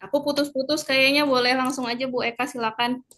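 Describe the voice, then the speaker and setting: A woman's voice: sits high, fairly even intonation, a little fast, fairly bright tone. A woman on a video call whose audio is choppy and breaking up, chatting casually and counting down for a group photo. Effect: choppy, breaking-up online call audio. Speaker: webinar participant.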